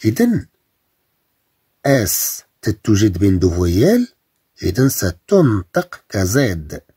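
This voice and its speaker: A man from Morocco with a Moroccan Arabic accent teaching beginner French, saying the French examples slowly and drawn out, then explaining them in Arabic. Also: lowish voice, wildly swooping pitch, warm tone, slightly rough, dry recording, studio quality. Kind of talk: bilingual French lesson for beginners.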